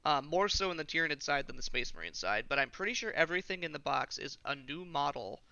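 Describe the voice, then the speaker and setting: A man hosts a casual podcast, talking with enthusiasm and sprinkling his speech with filler words. His voice is bright and a little high for a man. The recording is dry and slightly dull. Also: animated, fast talker, gravelly, no room sound. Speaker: podcast host. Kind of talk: casual chat.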